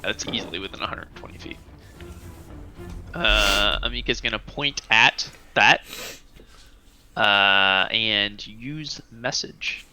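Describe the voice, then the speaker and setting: A man's voice: fairly low pitch, takes it slowly, pauses often, sharp tone, soft background music, rough recording. A man playing a tabletop game, chatting casually with lots of fillers and giggles.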